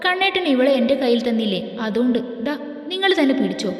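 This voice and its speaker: A woman voicing a playful young man who teases with drawn-out words, recorded in an echoey room. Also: high voice, sing-song, soft background music. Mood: teasing. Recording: echoey room with long reverb.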